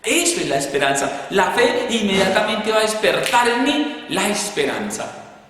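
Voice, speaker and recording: A man with a Colombian Spanish accent giving an emphatic catechesis talk, acting out quoted voices with rising pitch. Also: sing-song, normal speed, fairly bright tone. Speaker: preacher. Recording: echoey hall reverb.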